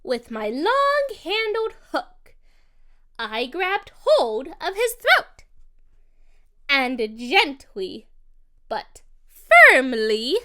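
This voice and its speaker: High, slow sing-song storybook woman. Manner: slow, expressive, sing-song rhyming delivery. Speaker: storybook narrator. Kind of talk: children's picture book read-aloud.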